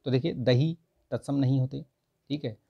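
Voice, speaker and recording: A man's voice: mid-range voice, steady tone, normal speed, creaky, lo-fi sound. A man teaching a grammar exam-prep lesson, repeating each answer and checking in often with his students.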